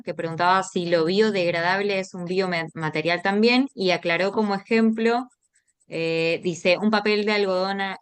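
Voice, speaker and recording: A woman's voice: medium pitch, clean tone. A woman moderating a Q&A on a video call, reading participants' questions aloud in a plain way.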